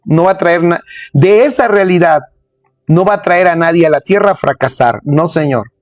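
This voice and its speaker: A man's voice: high voice, no room sound, clean studio sound. A man preaching a sermon, emphatic and repetitive, speaking straight to his listeners.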